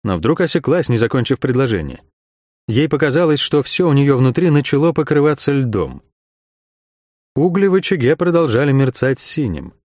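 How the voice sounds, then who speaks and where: A man's voice: mid-range voice, a little mellow, no room sound. Male audiobook narrator, dry close sound. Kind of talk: scripted fantasy narration.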